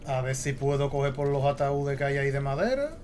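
A man with a Spain Spanish accent giving jumpy, excitable let's play commentary while he plays. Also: medium pitch, a little fast, slight background noise. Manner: jumpy, excitable, talks to himself. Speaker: gaming host.

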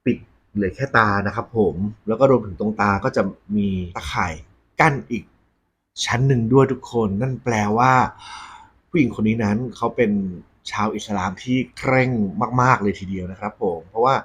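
A man hosting a ghost story segment, talking conversationally and politely to his audience with a husky voice. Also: lowish voice, moderate pace, a bit bright. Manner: polite, frequent Thai male polite particles.

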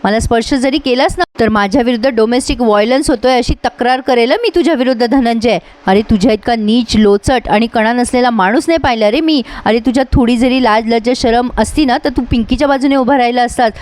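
A woman reading as an angry wronged wife, scornful, scolding, slightly high voice. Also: fairly quick, hardly any pauses, a little mellow, close to an everyday voice.

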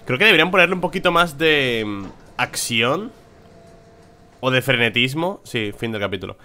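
A man's voice: medium pitch, expressive, moderate pace, sharp tone. A man in his thirties with an accent from Spain, giving casual, reactive gameplay commentary close on the mic. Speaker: gaming streamer. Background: faint game music.

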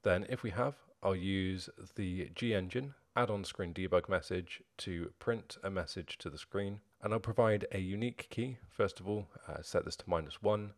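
A young man narrating a screen-recorded coding tutorial, explaining each step in a steady, methodical way. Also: low-pitched, moderate pace, hardly any pauses. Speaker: programming tutorial host.

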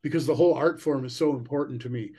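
A man's voice: medium pitch, fast, dark tone, husky. A middle-aged man talking as the guest musician on a video call, rambling and enthusiastic with many "you know"s. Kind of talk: casual interview chat. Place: indoor room at home.

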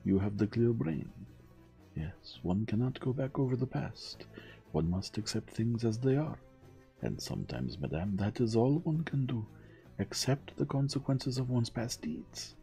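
A man's voice: medium pitch, expressive, vocal fry, dark tone, faint music behind, voice pushed up. Poirot, a man doing a shrewd Belgian sleuth. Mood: probing. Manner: measured, courteous, relentlessly probing. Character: shrewd elderly male Belgian detective, polite but probing.

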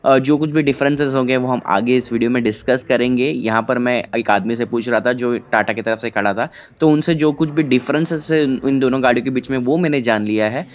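A young male car vlogger in his twenties, with a clear mid-range voice, walks through a bus inside a large indoor expo hall for a walkaround review. He speaks casually in Hindi mixed with English, with many "uh" pauses, sounding tired but excited, and the camera mic is slightly muffled.

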